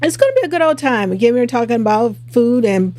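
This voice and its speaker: A woman's voice: on the high side, fast. Middle-aged woman, podcast co-host, casual and giggly, filler-heavy delivery. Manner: relaxed, laughs often, many fillers. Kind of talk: casual live-stream chat.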